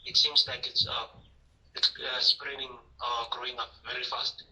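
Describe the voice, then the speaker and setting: A male student in an online class, giving halting, hesitant answers. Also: mid-range voice, flat delivery, sharp tone. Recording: echoey, distant call audio with faint noise.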